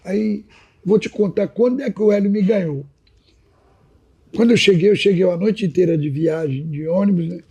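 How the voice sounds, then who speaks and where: On a muffled recording, a man from Minas Gerais, Brazil, in his 80s speaks at normal speed in a high, slightly rough voice. As a podcast guest in a casual chat, he tells old stories with animated, anecdotal flair, addressing the host by name again and again.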